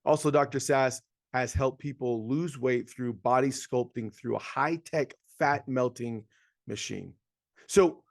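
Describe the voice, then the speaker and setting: Enthusiastic male podcast host. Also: medium pitch. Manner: upbeat, enthusiastic, with bursts of speed. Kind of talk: podcast interview.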